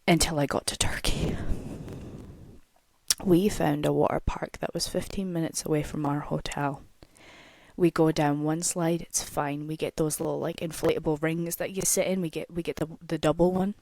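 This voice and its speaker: Animated woman, swearing storyteller. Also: sits low, moderate pace, creaky. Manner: animated, swears freely, frequent "okay?" asides. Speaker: podcast host. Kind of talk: casual anecdote-telling.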